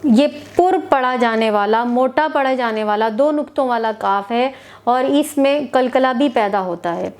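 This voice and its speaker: A woman's voice: on the high side, measured pace, a little mellow. A woman with an Urdu accent teaching Quran recitation, drawing out each letter sound between short explanations. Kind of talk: slow recitation lesson.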